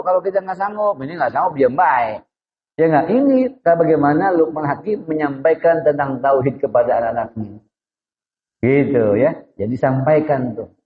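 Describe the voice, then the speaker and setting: A man giving a religious study talk to parents, lively and asking his listeners questions, at times speaking gently as if to a child. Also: medium pitch. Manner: lively, asks the audience questions. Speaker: religious teacher. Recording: muffled, with a long reverb.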